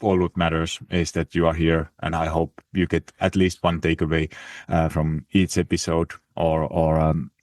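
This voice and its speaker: Finnish guy doing his podcast solo, lots of uhs and restarts, deep flat voice. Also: normal speed, no echo, studio quality. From Finland. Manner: hesitant, many fillers and restarts. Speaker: podcast host. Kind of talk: casual solo podcast talk. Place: living in Italy.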